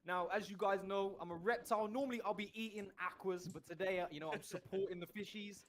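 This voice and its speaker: A playful man co-hosts a live stream and jokes with the panel. His voice is fairly high. He speaks in loose, casual banter. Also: fairly even intonation, fast talker. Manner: joking, playful. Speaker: co-host.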